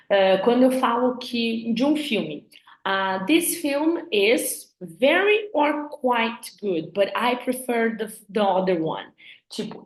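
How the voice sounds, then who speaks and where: A woman's voice: fairly high pitch, darkish tone. A woman teacher with a Brazilian accent, patiently explaining a review lesson step by step in a chatty way. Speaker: English teacher. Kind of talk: recorded review lesson for students. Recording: roomy echo.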